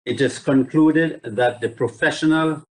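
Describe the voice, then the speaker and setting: A male barrister addresses a remote court hearing by video call, making a formal legal submission that quotes judgments. He speaks at a fairly high pitch in a deliberate, measured, courteous and formal manner, though the audio is poor.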